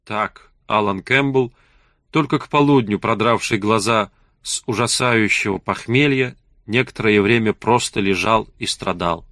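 With a fairly low-pitched voice, a man narrates an audiobook in an even, measured way. The studio recording is clean and carries no room sound.

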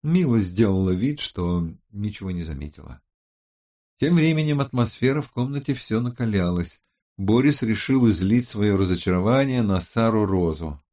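Expressive male audiobook narrator. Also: fairly low pitch. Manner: measured, expressive reading.

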